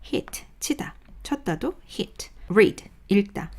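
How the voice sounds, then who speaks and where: A woman teaches English grammar in a recorded lesson, speaking. Her pitch moves a lot as she explains step by step. She reads vocabulary pairs slowly and clearly. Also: lively intonation, a little mellow, in a whisper. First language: Korean.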